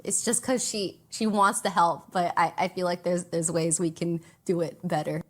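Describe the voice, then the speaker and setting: A woman's voice: fairly low pitch, steady tone, moderate pace. A woman streamer talking in a hesitant, defensive way, with many fillers. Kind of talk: streamed chat.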